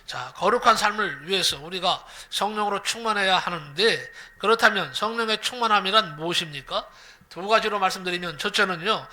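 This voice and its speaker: A male pastor preaching a sermon, telling a story and asking the congregation questions. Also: sits high. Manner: lively, repeats phrases, asks the congregation questions.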